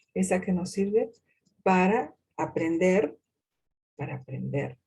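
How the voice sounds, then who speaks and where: A woman giving a university lecture in a deliberate way, posing rhetorical questions to herself and pausing often with hesitations. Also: fairly low pitch, vocal fry, dark tone, a little hiss or hum. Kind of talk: recorded lecture on reading comprehension.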